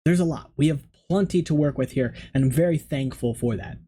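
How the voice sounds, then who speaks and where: A man's voice: on the high side, a little fast, warm tone, a little hiss or hum. A man in his thirties hosting a hobby video with casual, unscripted, rambling commentary, recorded in a small room. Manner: rambling, conversational.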